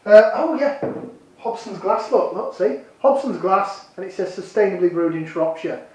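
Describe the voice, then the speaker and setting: Man, jokey beer reviewer, high-pitched, sounds set back from the mic. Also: lively intonation, moderate pace, darkish tone, very echoey, recorded from a distance, poor audio. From Yorkshire, England. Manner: chatty, jokey, self-deprecating. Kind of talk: casual vlog review.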